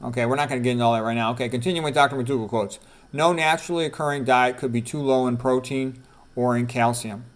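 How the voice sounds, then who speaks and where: A medical doctor with a mid-range voice and fast delivery presents an informal lecture. He reads quotes aloud, adds his own asides, repeats key points emphatically, and puts questions to the listener.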